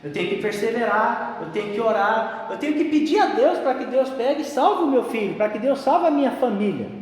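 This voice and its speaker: Preaching conversationally, this pastor keeps adding a questioning "né" to the end of his lines. He sounds animated and fairly quick, with a very high voice, and the sermon echoes around a hall.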